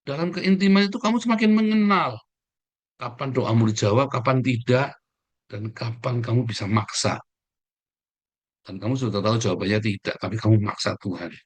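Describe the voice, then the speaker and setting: A man preaching an informal sermon, talking straight to his listeners and swinging between emphatic, raised phrases and hushed asides. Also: medium pitch, moderate pace, breathy edge. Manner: informal, addresses listeners directly with frequent "ya" and "saudara". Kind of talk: conversational sermon.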